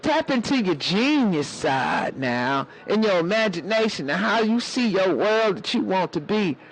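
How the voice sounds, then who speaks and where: A man putting on a sassy, hoarse elder woman. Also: high voice, very animated, measured pace, full character voice, poor audio. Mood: fond. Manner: sassy, calls listeners baby and honey. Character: sassy elder woman, preachy motherly sage. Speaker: live-stream host. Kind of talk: preachy casual live-stream talk.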